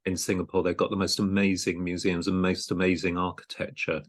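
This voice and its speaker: A man's voice: deep voice, little pitch movement, brisk. A man hosting an interview podcast, speaking in a hesitant, conversational way with frequent ums and restarts. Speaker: podcast host and programme director.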